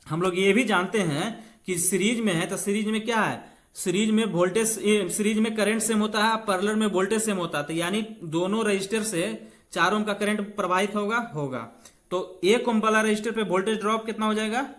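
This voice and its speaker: A male physics teacher reads exam questions aloud and works through them step by step, talking to students like friends, repeating key phrases and mixing English technical terms into Hindi. His voice is high, steady, brisk and a bit bright.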